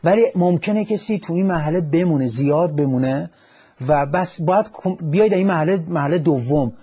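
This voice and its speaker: A male psychologist takes calls on a radio show, offering calm, instructive guidance and occasionally quoting verse. His voice sits a bit higher than most men's and has a husky grain.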